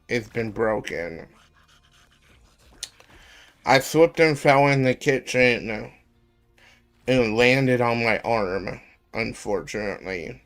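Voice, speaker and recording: Slow rambling guy with a gravelly voice. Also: medium pitch, a bit bright. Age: 20s. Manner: rambling, many ums and pauses. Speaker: streamer. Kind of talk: casual live stream chat.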